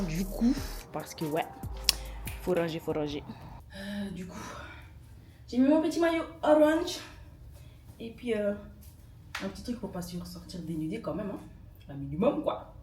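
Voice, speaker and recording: A young woman chatting casually to her camera in an excitable vlog, talking to herself as she goes. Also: on the low side. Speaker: vlogger. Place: hotel room, later rooftop pool. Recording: loud music behind.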